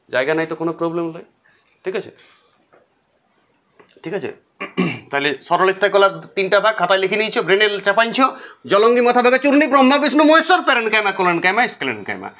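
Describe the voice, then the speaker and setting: A man teaching a whiteboard biology lesson, chanting memory lists in a sing-song way and talking straight to his students. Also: sits high. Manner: lively, repetitive, talks straight to students.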